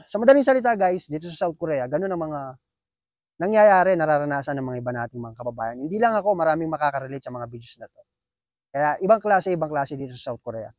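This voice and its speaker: A Filipino man, a factory worker, telling an earnest, animated story in a casual vlog. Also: on the high side, no echo.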